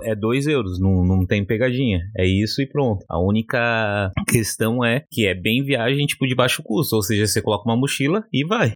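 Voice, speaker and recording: A man's voice: on the low side, dry recording, studio quality. A man from São Paulo with a São Paulo accent, co-hosting a podcast and telling a travel story casually, rambling with many fillers and restarts. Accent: São Paulo Brazilian Portuguese. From São Paulo, Brazil. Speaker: podcast co-host.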